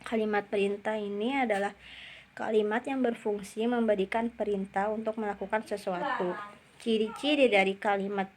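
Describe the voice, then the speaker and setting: A woman's voice: medium pitch, a little hiss or hum. Young woman reading a class presentation. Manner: careful, measured reading with occasional fillers. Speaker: student presenter.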